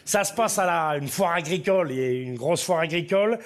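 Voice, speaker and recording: A man's voice: a little high, lively intonation, fairly quick. A man telling jokes on stage, rambling with digressions. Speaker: stand-up comedian. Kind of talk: live joke-telling.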